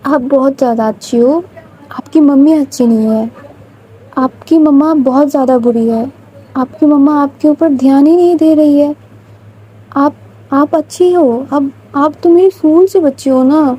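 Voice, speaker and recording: A woman's voice: high-pitched, mellow, lightly acted, poor audio. A woman voicing a remorseful young mother who speaks tenderly while reproaching herself.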